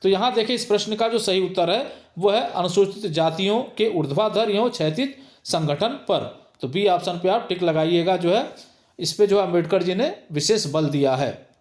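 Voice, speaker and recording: A man's voice: sits high, expressive, moderate pace, darkish tone, roomy sound. A middle-aged male sociology teacher giving an exam-prep lecture, reading each multiple-choice question twice before stating the answer. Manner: reads each question twice, then gives the answer with emphatic repetition.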